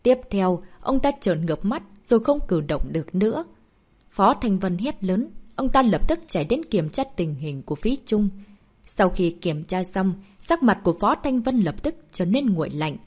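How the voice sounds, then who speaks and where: A woman reads a martial arts novel aloud as an audiobook narrator. Her narration is expressive, and her pitch moves freely up and down to build the drama. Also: normal speed, slightly rough.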